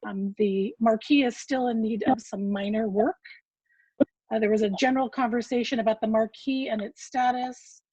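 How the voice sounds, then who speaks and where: A woman's voice: fairly high pitch, moderate pace, breathy edge, no room sound. A woman giving a formal, point-by-point meeting report over a group voice chat, her connection cutting out. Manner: steady, list-by-list reporting with fillers. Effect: group voice chat audio that cuts out. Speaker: agency member reporting at a public meeting. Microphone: computer mic on a video call. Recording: dull lo-fi online call audio.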